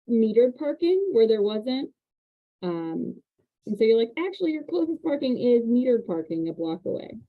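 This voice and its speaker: Chatty woman on a tinny line. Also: a little high. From Indiana. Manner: chatty, animated storytelling with laughs. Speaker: real estate agent and host. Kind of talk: casual panel chat.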